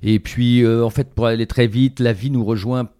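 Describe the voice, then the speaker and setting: A man who works as a stage director, a podcast guest telling stories with animated, rapid asides. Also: medium pitch, clear, resonant tone. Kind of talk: casual podcast chat.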